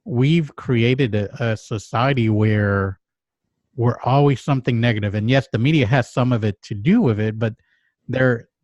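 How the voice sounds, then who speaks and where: Man, from Mexico, reflective podcast chat, halting with restarts, mid pitch, dry close sound. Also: darkish tone, no room sound, highs cut off. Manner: halting, with frequent restarts and trailing pauses. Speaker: podcast co-host. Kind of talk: reflective casual conversation.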